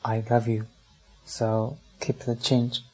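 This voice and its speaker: Guy doing an eager clueless young dude with broken english, kinda shouty, mellow tone. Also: mid-range voice, flat delivery, takes it slowly, poor audio.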